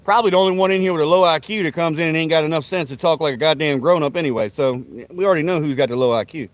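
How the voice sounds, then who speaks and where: Speaking very fast in a slightly high voice, a livestream host addresses his viewers loosely from a backyard grill outdoors. He rambles in a folksy way, cussing and throwing rowdy trash talk at the chat.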